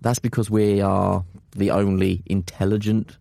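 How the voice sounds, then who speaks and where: A man's voice: fairly low pitch, little pitch movement, measured pace, vocal fry, warm tone, no echo. A British man chatting casually and wryly as a podcast co-host. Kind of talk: casual chat.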